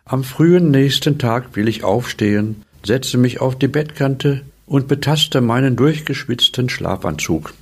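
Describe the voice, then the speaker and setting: A man reading a comic first-person story in a slow, deliberate way. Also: mid-range voice, animated, vocal fry, a little mellow, breathy edge. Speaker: narrator.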